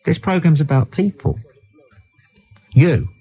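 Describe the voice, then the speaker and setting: A British man hosts a late-night phone-in, arguing bluntly and dismissively and repeating himself insistently. His voice is fairly high, animated, slow and husky, with no echo. The radio recording sounds dull and lo-fi.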